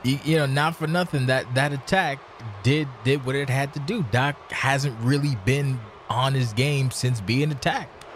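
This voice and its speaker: A man giving conversational color commentary on wrestling, casual and salty, with halting phrasing. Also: medium pitch, a little hiss or hum.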